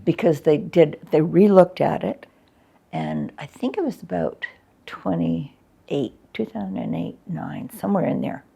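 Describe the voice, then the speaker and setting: Very animated yet a little slow, an older Canadian woman with a deep, dark, husky voice and vocal fry reminisces about her work in the arts. As a former arts coordinator in a reflective interview, she is frank and chatty, with plenty of ums.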